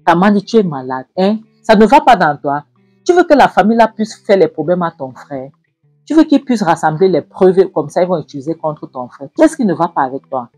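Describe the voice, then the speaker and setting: A woman's voice: sits low, animated, normal speed, a little mellow, husky, no echo, soft background music, full character voice. A woman voicing a stubborn, scheming mother who scolds her daughter. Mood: scolding. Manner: scolding, insistent.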